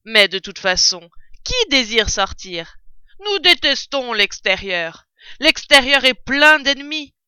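A woman's voice: a little high, lively intonation, slow pace, bright, forceful tone, clear, resonant tone, dry recording, studio quality, voice pushed up, exaggerated voice. A woman voicing a bold, clever male fox who leads his family, in a cheery, rousing storybook manner.

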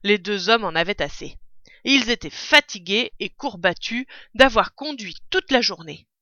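A woman reading a children's novel aloud, with expressive, deliberate storytelling. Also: medium pitch, dry recording, lo-fi sound. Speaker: narrator.

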